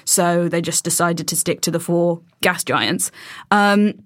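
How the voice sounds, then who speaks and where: A woman's voice: fairly low pitch, measured pace, no echo, clean studio sound. A woman explaining space science in casual chat, with many ums and restarts.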